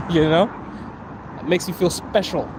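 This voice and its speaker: A man's voice: on the high side, a little slow. A Zimbabwean man in his twenties or thirties, chatting casually on a livestream while walking outdoors, laughing often and slipping into freestyle rap. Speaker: livestreaming vlogger. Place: outdoors on a city street. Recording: street noise behind the voice. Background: traffic and street noise.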